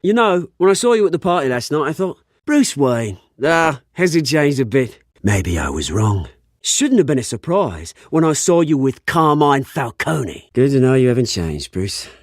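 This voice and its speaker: An actor playing a bitter, menacing British crime lord and fallen heir in a video game, theatrical and taunting. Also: male voice, medium pitch, sing-song, normal speed, dry recording, studio quality, lightly acted. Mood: sinister, mocking. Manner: theatrical, taunting, swinging between charm and menace. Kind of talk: dramatic video game acting.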